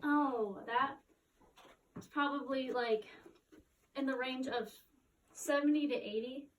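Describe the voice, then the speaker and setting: High-voiced woman cave guide, recorded at distance. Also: steady tone, takes it slowly. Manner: casual, frequent "like" and "kind of". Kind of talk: informal guided tour explanation. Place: inside a cave, speaking to group. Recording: distant mic, faint noise, inside cave.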